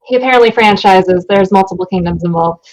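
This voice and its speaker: A woman's voice: medium pitch, fairly quick, darkish tone, poor audio. A young adult woman playing a tabletop role-playing game, bantering casually in a wry, sardonic way.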